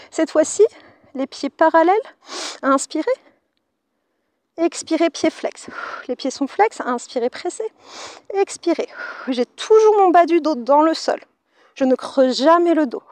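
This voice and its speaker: A woman teaching a Pilates class, giving calm breathing cues and breathy whispered counts while doing the exercises herself, close to the mic. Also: high voice, no room sound. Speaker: Pilates instructor. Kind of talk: guided workout instruction. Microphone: mic very close to the face.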